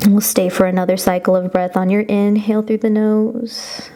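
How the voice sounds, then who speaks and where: A woman's voice: medium pitch, level tone, moderate pace, warm tone, a little hiss or hum. A woman yoga instructor guiding a class through poses in an encouraging, reassuring and informal way.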